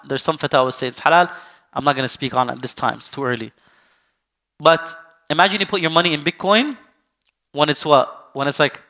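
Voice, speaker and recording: A man giving a casual, sermon-style Quran lesson, animated and full of rhetorical questions, sometimes acting out the people he quotes. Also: fairly high pitch. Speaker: Islamic teacher.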